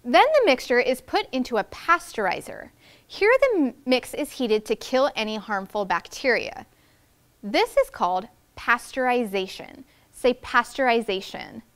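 In a classroom, a woman in her thirties gives young children a read-aloud lesson as their first grade teacher, taking care with the big words. Her voice is fairly high-pitched and fairly bright in tone.

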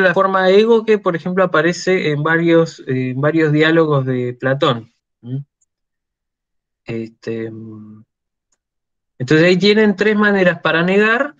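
Slow-spoken Argentine man lecturing. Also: high-pitched, fairly bright tone, dull audio. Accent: Argentine Spanish. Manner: slow explanatory delivery with frequent "¿sí?" checks. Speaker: university lecturer. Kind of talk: recorded online lecture.

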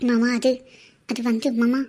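A woman's voice: a little high, level tone, measured pace, dark tone, slight background noise, lightly acted. A woman voicing a young sister-in-law in a cartoon drama, hesitant and apologetic as she holds back a painful secret. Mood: hesitant, anxious.

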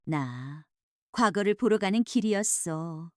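A woman voicing an earnest young nobleman scholar who speaks gently. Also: medium pitch, animated, slow pace, no room sound, studio quality, voice pushed down.

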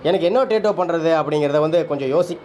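A man with a Tamil Nadu accent chatting quickly in a family vlog at a salon, coaxing his small child. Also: fairly high pitch, darkish tone. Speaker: family vlogger, father. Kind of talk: casual family vlog chat. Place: tattoo and beauty salon, indoors.

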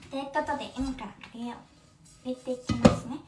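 A woman of twenty with a Kumamoto accent chats with viewers on a livestream, warm and casual, using many fillers. Her voice sits high, and the sound comes from a phone some distance away. The room around her is echoey, with faint background noise. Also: fairly even intonation, quick pace, over loud music. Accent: Kumamoto dialect. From Kumamoto, Japan. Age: 20s. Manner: chatty, friendly, with many fillers. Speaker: livestream host. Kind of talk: casual livestream chat reading comments.

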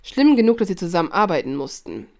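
A woman narrating a fan fiction audiobook in a lively read-aloud voice, with occasional slips and restarts. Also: lowish voice, fast talker, creaky.

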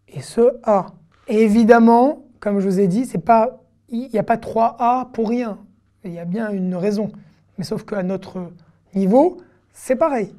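A woman teaching an online reading lesson, patiently repeating syllables slowly with casual fillers. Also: a little high, a little mellow. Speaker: Hebrew teacher.

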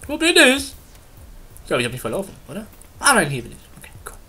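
A man's voice: sits high, wildly swooping pitch, quick pace, bright, forceful tone, husky. A man giving casual, playful gameplay commentary as a Let's Play host, chatting and humming along while he plays.

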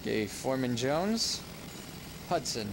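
A man's voice: medium pitch, sing-song, unhurried. A young man giving casual commentary on a game he is playing, rambling and often correcting himself mid-sentence. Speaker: let's play gamer. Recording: home recording with noise.

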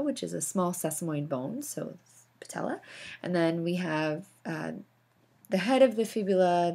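Gravelly-voiced woman lecturing on anatomy. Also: lowish voice, darkish tone. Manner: explanatory, casual asides with fillers. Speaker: anatomy instructor. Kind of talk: recorded slideshow lecture.

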